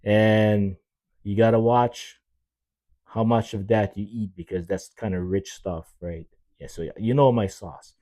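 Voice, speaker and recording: A man's voice: lowish voice, steady tone, measured pace, warm tone, no room sound. A chef in his sixties from Hawaii, hosting his own podcast in a casual, rambling, folksy monologue that he aims straight at his listeners. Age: 60s.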